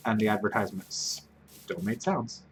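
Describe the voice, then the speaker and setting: A man in his twenties streams a game with its music playing behind him, rambling on casually and poking fun at himself. His voice sits lowish at a normal speed, with a slight hiss or hum in the recording.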